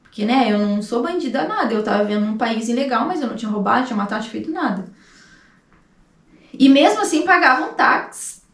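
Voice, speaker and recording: A woman's voice: a little high, lively intonation, fast talker, fairly bright tone. A woman in her thirties with a Brazilian Portuguese accent, telling a personal story with emotion and acting out the dialogue. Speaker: vlogger. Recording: echoey room, distant mic.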